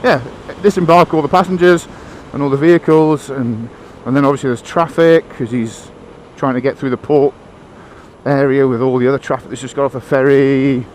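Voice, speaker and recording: Waffly biker on a helmet mic. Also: male voice, mid-range voice, fairly even intonation, moderate pace, a little mellow, slight background noise, poor audio. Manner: waffly, self-deprecating, many fillers. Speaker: motorcycle vlogger. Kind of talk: casual rambling chat. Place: riding a motorbike outdoors.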